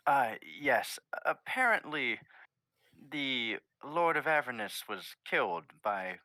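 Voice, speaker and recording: A man's voice: medium pitch, animated, slow, sharp tone, no room sound, pitched above the performer's own voice, poor audio. A man playing a flustered, eager female snake demon assistant in a tabletop game, nervous and hesitant. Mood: nervously proud.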